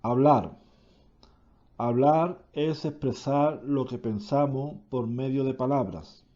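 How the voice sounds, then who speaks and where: A man reads a grammar lesson in a slow, measured way, stopping to fix his own slips. His voice is very dark and mellow, and the recording sounds dull and lo-fi. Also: medium pitch. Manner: slow, deliberate reading with self-corrections. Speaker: teacher reading a grammar lesson. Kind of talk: reading a grammar lesson aloud.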